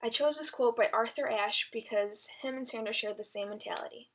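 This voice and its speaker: A woman delivering a prepared eulogy speech in an earnest, deliberate way, with an occasional stumble. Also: on the high side, a bit bright. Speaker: eulogy speaker, friend of the deceased.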